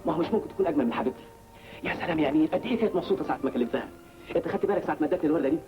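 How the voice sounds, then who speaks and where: A smooth, teasing young screen idol with an Egyptian accent, played by a man. He speaks very fast in a slightly raised voice. The old film soundtrack is dull, with music beneath. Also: a little high, expressive, lightly acted. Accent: Egyptian Arabic. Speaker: film actor character. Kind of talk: 1950s Egyptian film acting.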